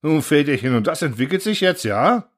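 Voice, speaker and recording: Wary peasant villagers, voiced by a male reader, questioning and suspicious. The voice is lifted above the reader's own, with lively rises. It belongs to a storybook reading. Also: a little high, normal speed, voice pushed up.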